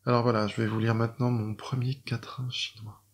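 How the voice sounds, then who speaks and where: A French physician and poet in middle age walks viewers through his method for composing traditional Chinese verse, pausing with fillers and often starting over. His mid-range voice stays level and moves fairly quickly.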